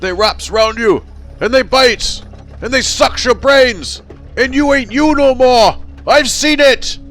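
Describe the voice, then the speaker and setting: A man's voice: high voice, expressive, unhurried, sharp tone, soft background music, pitched above the performer's own voice, exaggerated voice. An actor playing a raving, terrified madman who shrieks frantic pleas.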